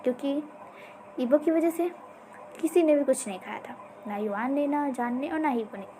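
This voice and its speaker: High-voiced woman retelling a story. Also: slight background noise. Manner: chatty, expressive.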